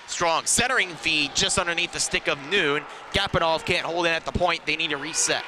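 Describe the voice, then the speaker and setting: A man's voice: fairly high pitch, brisk. A man giving live ice hockey commentary in clipped phrases that follow the play. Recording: noisy rink ambience around the mic.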